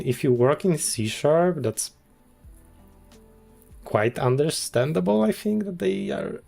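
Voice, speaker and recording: A man's voice: mid-range voice, gravelly, a little mellow. A man, chatting casually on a livestream as a game developer, thinking aloud with many restarts and small chuckles. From Poland.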